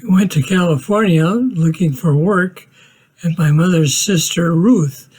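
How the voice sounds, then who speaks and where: Unhurried man in his eighties, fairly high. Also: a little mellow, husky. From Minnesota, USA. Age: 80s. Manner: plainspoken, matter-of-fact with dry humor. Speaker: narrator of a family home video. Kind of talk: casual narration over home video.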